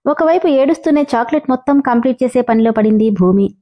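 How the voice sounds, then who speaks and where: A woman narrating a story in an even, gentle storytelling manner. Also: on the high side, fast talker.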